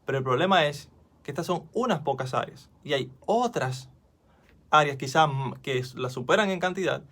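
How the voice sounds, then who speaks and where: A man's voice: medium pitch, a bit bright. A man gives informal Bible teaching straight into his phone, recorded at home. His manner is earnest and conversational. He restarts his sentences and asks viewers questions as he goes. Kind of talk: informal devotional teaching to camera.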